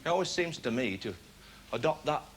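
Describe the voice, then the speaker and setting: A male stand-up comedian, telling a story in a wry, deadpan way. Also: on the high side, a little fast, slight background noise. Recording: live stage mic, loud crowd laughter.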